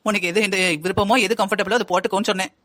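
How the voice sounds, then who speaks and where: A woman voicing a gentle, easygoing middle-aged mother-in-law in a cartoon family story. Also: medium pitch, level tone, rapid-fire, close to an everyday voice. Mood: reassuring. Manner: gentle, reassuring.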